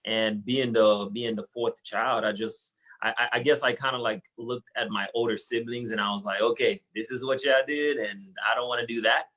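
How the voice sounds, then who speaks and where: A man's voice: mid-range voice, steady tone, moderate pace, hardly any pauses, fairly bright tone, low-quality recording. A young man from Haiti, a guest entrepreneur, talking casually and earnestly with many fillers and restarts in an interview. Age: young adult.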